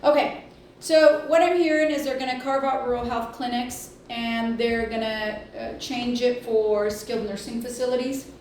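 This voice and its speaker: A healthcare district executive gives an informal report to the board in an indoor public meeting room, her slightly high voice darkish in tone and fairly even in intonation. She speaks hesitantly, haltingly, with long pauses. The room is echoey, the mic distant, and there is faint noise.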